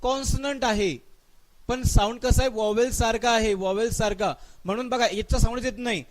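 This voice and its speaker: Marathi-accented guy teaching english grammar on a live stream, high voice, keeps asking the class and saying hurry up. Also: steady tone. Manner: urges students to answer fast, drawls example sentences slowly. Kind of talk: live online exam-prep class.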